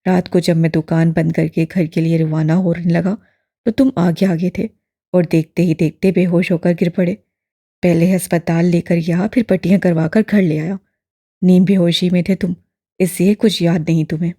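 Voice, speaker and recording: A woman's voice: on the low side, normal speed, dry recording, clean studio sound, voice pushed down. A woman voicing a kindly old imam. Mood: gentle. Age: older. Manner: steady, balanced, fatherly tone. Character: kindly elderly male mosque imam, calm and patient.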